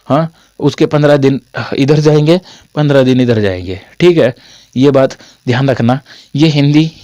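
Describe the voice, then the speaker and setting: A man's voice: mid-range voice, dark tone, dry recording. A young man teaching a casual online Hindi grammar lesson, chatty and repetitive, with a sore throat from a cold. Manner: chatty, repetitive, jokey asides to students.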